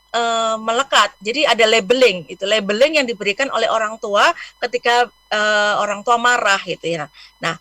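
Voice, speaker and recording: Woman on a radio show talking parenting, kinda high and bright, dry studio sound. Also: no echo. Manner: explanatory, friendly, acts out scolding parents in quotes. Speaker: guest expert on parenting. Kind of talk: radio talk show discussion.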